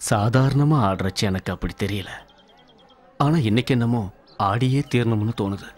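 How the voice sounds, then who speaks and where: An actor playing an awed, reverent devotional stage performer with an in a film drama. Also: male voice, mid-range voice, takes it slowly, a little mellow.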